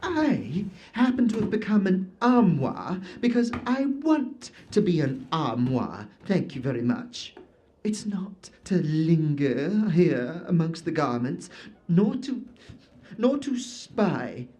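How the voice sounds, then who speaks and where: In an audio drama, a performer with a mid-range, slightly mellow voice plays a fussy, pompous wizard who has turned himself into an armoire. The delivery is very animated yet slow, and he stammers when flustered.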